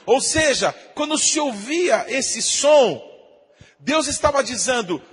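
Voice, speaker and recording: A Brazilian pastor preaching a sermon, often asking the congregation "amém?" and imitating shofar blasts. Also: male voice, extremely high pitch, lively intonation, slow pace, breathy edge, in a large hall. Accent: Brazilian Portuguese.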